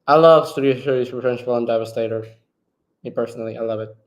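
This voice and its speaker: A man's voice: mid-range voice, steady tone, fast talker. A man hosting a live discussion, talking casually in a laid-back way and breaking into laughter easily. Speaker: channel host.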